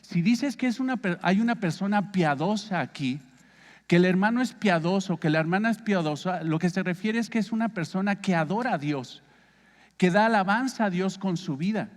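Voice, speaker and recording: A man leading Bible study as pastor speaks with a Mexican Spanish accent, keeping it conversational and asking the congregation questions. His high voice is expressive at normal speed, with a big-room sound.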